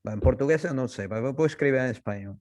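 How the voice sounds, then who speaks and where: A man with a Spanish-speaker's accent moderates an academic panel in a mellow, soft-edged voice. He is informal and hesitant, restarting as he slips between languages. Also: mid-range voice, quick pace.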